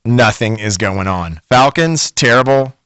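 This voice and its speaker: A man's voice: mid-range voice, animated, measured pace, fairly bright tone, dry recording. Guy hosting sports radio, middle-aged, folksy and brash, dry close studio mic. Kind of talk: sports talk radio monologue.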